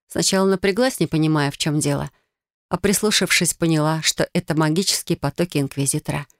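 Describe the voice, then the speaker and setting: A woman's voice: sits low, dry recording, clean studio sound. Woman reading a fantasy audiobook. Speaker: audiobook narrator.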